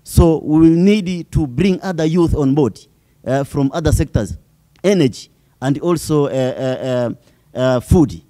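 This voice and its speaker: A man's voice: a little high, animated, unhurried, mellow, no room sound. A man with a Tanzanian accent gives a semi-formal presentation as a youth delegate, hesitating and repeating words as he goes.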